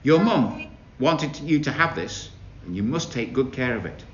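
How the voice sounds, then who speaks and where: A gentle father speaking tenderly to his grieving daughter, read by a man. His voice is soft and unhurried. The recording is roomy and somewhat muffled. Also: medium pitch, animated, a little hiss or hum, lightly acted.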